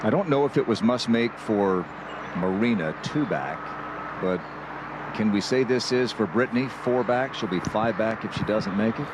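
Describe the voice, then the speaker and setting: A man's voice: lowish voice, animated, normal speed, noisy background. A man anchoring live golf commentary as the lead announcer.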